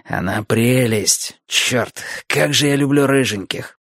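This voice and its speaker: A man voicing a brash, mocking young man in an audiobook, loud and theatrical. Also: mid-range voice, takes it slowly, no room sound, clean studio sound. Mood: playful. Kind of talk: audiobook character voice.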